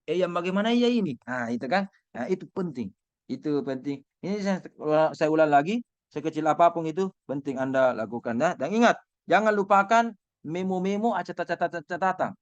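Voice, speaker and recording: A man giving an informal class lecture, animated and teasing, questioning his students. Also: a little high, brisk, no room sound, lo-fi sound.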